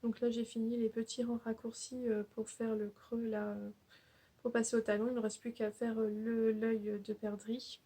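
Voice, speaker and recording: A woman's voice: a little high, flat delivery, normal speed, dark tone, husky. A young woman hosting a knitting podcast, chatting casually and hesitantly, with many fillers and restarts. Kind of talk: casual show-and-tell chat.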